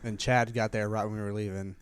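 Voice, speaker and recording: A man's voice: lowish voice, fast, clean tone, no room sound. Rambling man telling stories. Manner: rambling storyteller, animated retelling with repeats. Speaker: podcast co-host. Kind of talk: casual chat.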